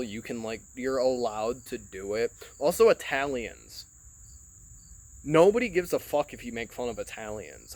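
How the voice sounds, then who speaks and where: With a medium-pitched, slightly mellow voice, a podcast host from Michigan wanders through a loose monologue captured on his phone. Profanity comes often, as do fillers like "like" and "you know," and the sound is dry.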